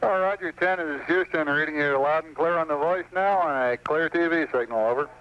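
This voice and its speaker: A man's voice: on the high side, a little fast. A man working as a mission control radio operator, speaking in clipped radio protocol over a crackly, static-filled transmission. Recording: noisy, dull archival radio link.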